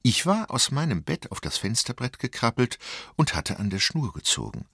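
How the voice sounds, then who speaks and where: A man narrating a literary story in a measured, expressive reading. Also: fairly low pitch, dry recording, studio quality.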